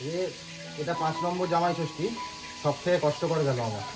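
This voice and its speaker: A man's voice: on the high side, fairly quick, music in the background, rough recording. A young man, the vlogger's husband, making joking mock complaints in casual family banter.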